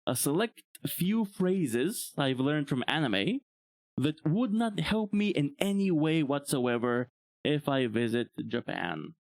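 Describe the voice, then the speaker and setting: A young Bulgarian VTuber, a native Bulgarian speaker, chats casually on a live stream, rambling and often chuckling. His voice is fairly high with lively intonation, he talks slowly, and there is no room sound.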